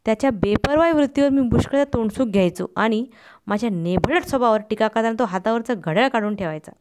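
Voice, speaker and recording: A woman who runs a study channel, reading a short story aloud in a steady, expressive storytelling manner. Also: on the high side, fast, clear, resonant tone. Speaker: story reader, channel host.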